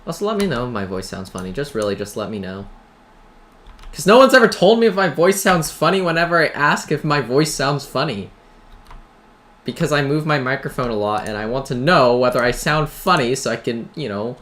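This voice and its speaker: This gaming video host has a medium-pitched, slightly bright voice. He rambles casually and slips in self-deprecating, tongue-in-cheek asides. The recording is from a noisy home mic, with keyboard clatter, typing and background noise audible.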